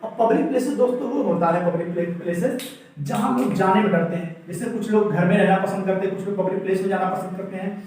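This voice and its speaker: A man's voice: sits high, fast, a little mellow, a little hiss or hum. A man teaching a vocabulary lesson, explaining each word and then quizzing his viewers on it. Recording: echoey room, mic far off.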